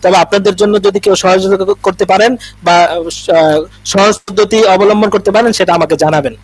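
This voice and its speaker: Man, teacher on a video call, repetitive drilling, high voice. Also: steady tone, normal speed, dry recording, rough recording. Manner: repetitive drilling, frequent "thik ache". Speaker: Arabic teacher. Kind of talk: online class instruction.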